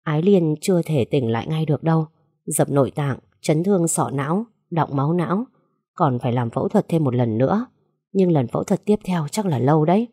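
A woman voicing a tired young doctor who explains bad news calmly in a told story. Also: breathy edge, no echo, clean studio sound. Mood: grave. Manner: low, measured. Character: tired young doctor husband, grave and calm.

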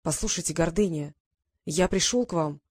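An urgent young English gentleman in a storybook reading, voiced by a woman narrator presses his warnings hard and fast. He sounds blunt and insistent. The recording is dry and close. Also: fairly low pitch, breathy edge, dry recording.

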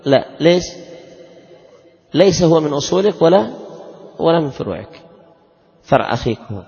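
A man leads a classroom lesson on Islamic law, putting questions to his students and repeating each rule slowly. His voice sits fairly high with a gravelly edge. The recording is dull and lo-fi, with a long reverb from a large hall. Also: very animated, a little mellow.

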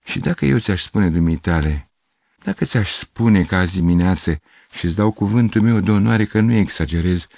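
A man voicing a bewildered aging gentleman who speaks with courteous formality that keeps tipping into agitation. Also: deep voice, lively intonation, no echo. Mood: puzzled. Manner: courteous, formal, increasingly flustered. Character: bewildered aging man, polite, anxious and confused.

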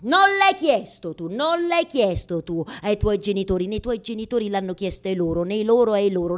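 Performing a theatrical radio monologue, an actress portrays an embarrassed, anguished woman facing God. She is blunt and exasperated, halting and repeating her words insistently, with a voice pitched a little high.

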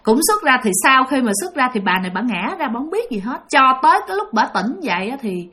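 A woman's voice: high-pitched, big pitch swings, fast, bright, forceful tone. A woman with a Southern Vietnamese accent telling a ghost story in a chatty way, often addressing her listeners directly. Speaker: storyteller host. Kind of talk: casual spooky storytelling.

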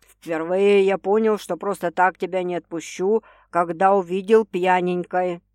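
A woman reading an audiobook, voicing a teasing, domineering young man who speaks slowly and wryly. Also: no echo, studio quality, lightly acted. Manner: slow, low and wry. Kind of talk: audiobook character voice.

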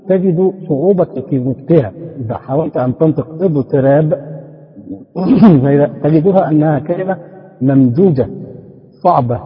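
A man teaching a grammar lesson, speaking slowly and repeating each example word, sometimes asking the class questions. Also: a little high. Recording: dull hall recording.

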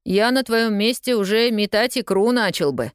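A woman's voice: a little high, expressive, moderate pace, clean tone, no echo, clean studio sound, voice pushed up, natural voice. A woman voicing a cocky young street newsboy who talks in a slangy, scoffing, drawling way.

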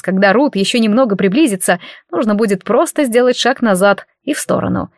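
A woman's voice: mid-range voice, no room sound, studio quality. Woman narrating a fantasy audiobook. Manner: lively, expressive storytelling.

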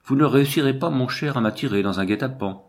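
A man's voice: mid-range voice, quick pace, voice pushed up, lightly acted. A man reading an audiobook, voicing a suspicious and hostile male accomplice with a grating, curt manner. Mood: menacing. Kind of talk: audiobook character voice.

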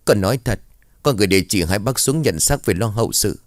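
A man voicing a young woman who haltingly breaks sad news on the phone. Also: fairly low pitch, expressive, dry recording, clean studio sound, lightly acted. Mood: tearful. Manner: hesitant, faltering. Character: young woman, frightened and tearful.

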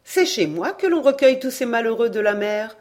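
A woman reading a novel aloud, voicing an elderly village matriarch who exclaims loudly. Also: on the high side, animated, fairly quick, pitched above the performer's own voice, natural voice. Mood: surprised, protective. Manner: loud, exclaiming, emotional. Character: elderly woman, dean of the village, protective and warm-hearted.

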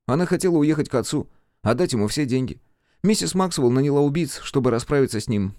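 A man narrating an audiobook with expressive storytelling. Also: mid-range voice, fast talker, dry recording, studio quality. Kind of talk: scripted narration.

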